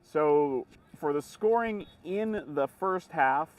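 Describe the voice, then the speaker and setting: A man's voice: on the high side, expressive, slow, recorded from a distance. A man giving explanatory live sports commentary in long, running sentences. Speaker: color commentator.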